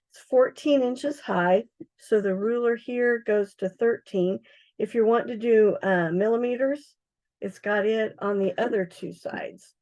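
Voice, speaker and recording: A middle-aged woman with a hoarse, froggy, medium-pitched voice that's slightly mellow demonstrates craft supplies on a livestream. She chats casually through the product demo, with lots of ums and uhs.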